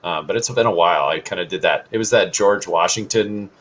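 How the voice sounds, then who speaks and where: A man co-hosting a casual live talk show, chatting in a relaxed, rambling way with lots of fillers. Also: sits low, brisk, low-quality recording. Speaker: podcast co-host. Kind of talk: casual chat. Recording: faint background noise.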